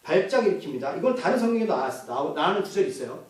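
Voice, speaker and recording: A man's voice: fairly high pitch, big pitch swings, fast talker. A male pastor preaching a sermon, asking the congregation questions and answering them himself. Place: church. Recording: echoey church hall from far off.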